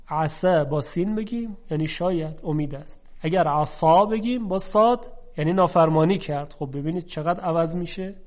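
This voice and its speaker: A man's voice: fairly high pitch, darkish tone. Man teaching recitation in a dull recording. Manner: deliberate, demonstrates sounds by contrasting them slowly. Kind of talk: instructional lesson.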